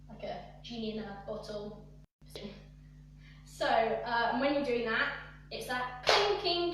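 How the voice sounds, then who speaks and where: A young woman with a high voice teaches a dance routine over a live stream, walking through each move and breaking into counts and sung snippets. She talks at an unhurried pace. Her voice comes from across a very echoey room with a faint hum behind it. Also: recorded from a distance. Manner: talks through moves, counting and singing along to the music. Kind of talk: live online dance lesson. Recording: echoey room, voice away from the mic.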